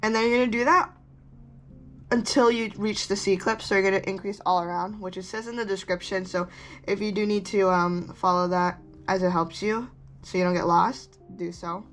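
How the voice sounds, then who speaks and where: A woman's voice: mid-range voice, steady tone, normal speed. Chatty young-sounding woman teaching a craft. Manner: chatty, rambling, self-correcting asides. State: chewing gum. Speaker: craft tutorial host. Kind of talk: casual step-by-step tutorial.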